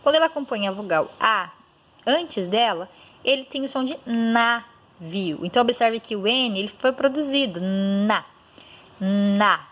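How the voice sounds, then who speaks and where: A woman's voice: a little high, animated, fairly bright tone. Woman teacher sounding out words. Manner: sounds out words slowly, syllable by syllable; frequent checking "certo?". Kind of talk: recorded school lesson.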